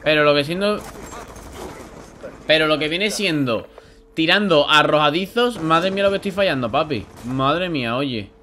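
A young man with a Spain Spanish accent doing live gameplay commentary, excitable and grumbling, swearing when frustrated. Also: fairly high pitch, moderate pace, a little hiss or hum. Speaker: gaming YouTuber.

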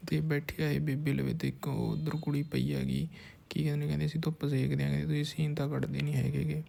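Gravelly flat-voiced man chatting. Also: on the high side, a little hiss or hum. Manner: rambling storyteller, often whispers asides. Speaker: vlogger narrating a behind-the-scenes shoot. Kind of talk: casual chatty narration. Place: village house on a film shoot.

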